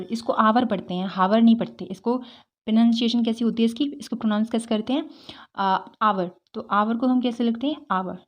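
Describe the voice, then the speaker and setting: A woman teaching English grammar, explaining step by step, asking rhetorical questions and checking in with "theek hai". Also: fairly high pitch.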